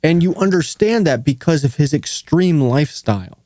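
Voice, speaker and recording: A man with a slightly high voice hosts a casual, sweary podcast. He rambles in an excitable, opinionated way, recorded dry and close. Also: moderate pace, no echo. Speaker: podcast host. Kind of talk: casual, profane podcast chat.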